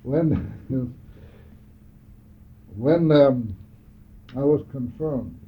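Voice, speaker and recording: An elderly man reminiscing about his childhood in an oral history interview, speaking haltingly with many pauses and restarts. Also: medium pitch. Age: older. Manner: halting, frequent hesitations and restarts. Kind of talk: reminiscing conversation. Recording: narrow phone-like old tape.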